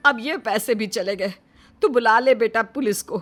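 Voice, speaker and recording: A woman's voice: a little high, moderate pace, soft background music, lightly acted. Woman doing a stern scolding mother-in-law. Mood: worried. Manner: accusing, sharp.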